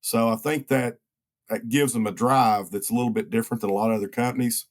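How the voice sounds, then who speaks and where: Man, interview guest, engineer, measured, explanatory, conversational. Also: mid-range voice, steady tone.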